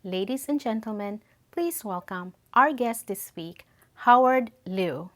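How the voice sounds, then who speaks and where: A woman's voice: a little high, expressive, takes it slowly, fairly bright tone. A woman hosting an interview show, introducing her guest in a formal, announcing way. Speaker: show host.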